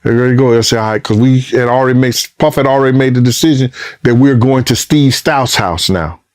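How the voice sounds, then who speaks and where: A man, a former bodyguard, telling a story in a casual interview, cursing freely and acting out what people said, his voice rising high and loud in the tense parts. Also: a little fast. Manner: profane, re-enacts dialogue, voice climbs high and loud when excited. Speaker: former bodyguard recounting events.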